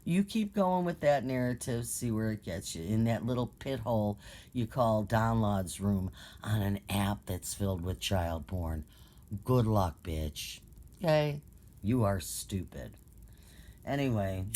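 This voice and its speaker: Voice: mid-range voice, animated, a little slow. Profane, sarcastic live-stream ranter. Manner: profane, mocking, sarcastic, rising to shouts when heated. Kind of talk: casual angry rant.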